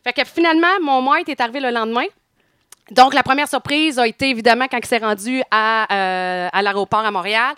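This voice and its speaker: A middle-aged woman with a Quebec French accent tells a long story as a podcast co-host. Her voice is bright and crisp, and she laughs easily as she talks. The sound is close and dry. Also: on the high side, brisk, dry recording. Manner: animated storyteller, laughs often. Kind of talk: casual chat.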